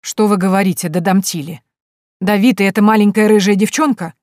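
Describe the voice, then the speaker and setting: A woman's voice: on the low side, expressive, moderate pace, a little mellow, dry recording. A woman reading an audiobook voices a proud middle-aged lady who speaks in an indignant, huffy way.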